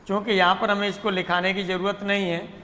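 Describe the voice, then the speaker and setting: High-voiced man teaching math. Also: level tone, quick pace, sharp tone, long reverb tail, slight background noise. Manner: repeats terms and asks himself questions. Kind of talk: classroom lecture.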